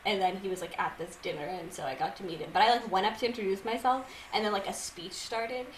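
A woman's voice: medium pitch, fairly even intonation, fast, a little hiss or hum, low-quality recording. A woman in her twenties co-hosting a casual chat podcast, laughing often and mimicking voices as she tells stories. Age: 20s. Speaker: podcast co-host.

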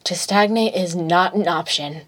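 A woman voicing a weary young male villain leader in a fan fiction reading, speaking in a drained, flat and sardonic way. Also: lowish voice, a little slow. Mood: resolute. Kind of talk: fan fiction read aloud.

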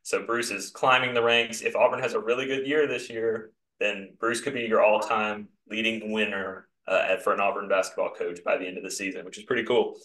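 Bright-voiced man ranting in a roomy echo. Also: on the low side, a little fast, hardly any pauses. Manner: emphatic, animated ranting. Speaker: podcast host. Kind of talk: casual sports chat.

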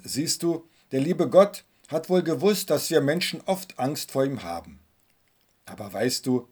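A male pastor with a husky voice telling a gentle Christmas story in his sermon. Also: mid-range voice. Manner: gentle, storytelling, addresses listeners directly.

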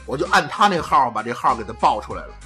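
A man's voice: mid-range voice, fast talker, faint music behind. A man, telling comic stories and acting out the people in them. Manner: animated, acts out the people in his stories. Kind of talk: comic storytelling routine.

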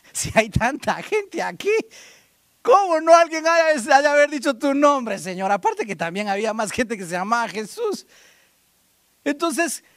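High-voiced pastor preaching with dramatic swings. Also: male voice, no room sound, studio quality. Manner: dramatic storytelling, acts out voices, swings from shouting to hushed. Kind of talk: sermon.

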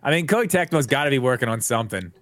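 A man co-hosting a podcast in casual chat, teasing and lively, sometimes trailing off into mumbles. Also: medium pitch, fast talker, no room sound. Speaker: podcast co-host.

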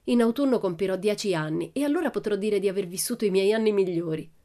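A woman reading an audiobook and voicing a boastful, exuberant nine-year-old girl with loud, playful exclamations. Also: mid-range voice, fast, natural voice. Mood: cheeky. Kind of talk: audiobook character voice.

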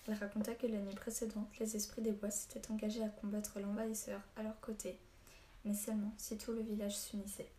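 A woman's voice: mid-range voice, level tone, brisk, dark tone, close to an everyday voice. A woman reading an audiobook, voicing an old male hermit who is a stern, short-tempered storyteller. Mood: grave. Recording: echoey room, faint hiss.

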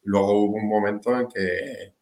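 A man with a lowish voice talks through an interview in a casual, halting way, breaking off and circling back. The room adds a noticeable echo. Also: steady tone, darkish tone. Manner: hesitant, trails off and restarts. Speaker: basketball player, interview guest. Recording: roomy echo.

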